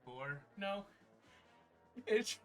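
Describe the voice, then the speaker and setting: Slow-talking man counting workout reps. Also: high-pitched, very animated, soft background music. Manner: counting reps aloud, chatty and self-amused. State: catching his breath. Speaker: streamer. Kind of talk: casual live-stream chat while exercising.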